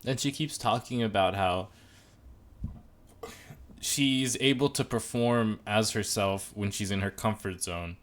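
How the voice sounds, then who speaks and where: A man's voice: lowish voice, unhurried, long pauses. A man co-hosting a podcast, chatting casually and rambling through jokes and opinions. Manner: joking, rambling, animated asides. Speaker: podcast co-host reviewing a TV show. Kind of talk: casual chat.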